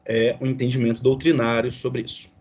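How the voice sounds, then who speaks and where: A Brazilian man with a Brazilian Portuguese accent gives a classroom law lecture as a professor, explaining with many fillers and tag questions. His voice is medium-pitched, level and darkish in tone, and he speaks fairly quickly, with slight background noise.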